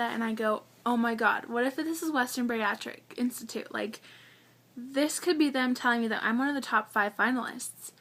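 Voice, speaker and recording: A woman's voice: a little high, bright, forceful tone. A young adult woman telling her own story in a casual, chatty vlog, full of fillers and restarts. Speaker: vlogger.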